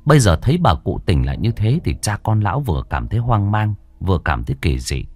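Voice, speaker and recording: A man narrating a ghost story with a dramatic, drawn-out delivery. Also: fairly low pitch, a little mellow.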